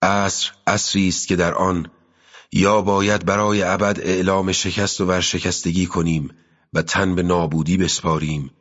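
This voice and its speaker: A man reading a novel aloud as an audiobook narrator, in a slow, measured literary style with pauses. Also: sits low, level tone, fairly bright tone. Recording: dull lo-fi audio with long reverb.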